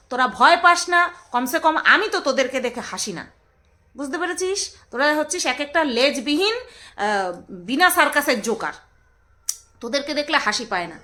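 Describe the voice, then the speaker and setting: A woman's voice: high-pitched, sharp tone. A woman vlogger, ranting in scornful, mocking commentary full of rhetorical jabs.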